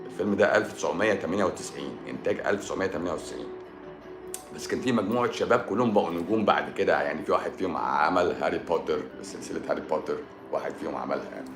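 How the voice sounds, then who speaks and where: A man's voice: sits low, racing. A man with an Egyptian Arabic accent hosting a live stream, answering viewer questions in a joking, sarcastic manner. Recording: roomy echo with music behind.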